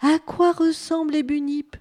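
A woman's voice: fairly high pitch, very animated, measured pace, dark tone. A woman playing an eager, lonely bunyip creature. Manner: eager, pleading questions. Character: lost, lonely male bunyip creature, wistful.

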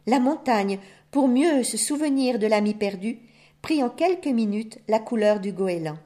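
A woman storyteller reading tales aloud in an expressive, lively way. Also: on the high side, normal speed.

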